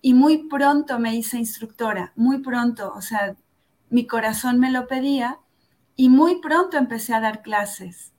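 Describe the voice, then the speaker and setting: In an interview, a woman who teaches yoga shares her personal story in a fairly high, slightly mellow voice. She sounds earnest and reflective, often ends phrases with "¿no?", and slows down to stress key points.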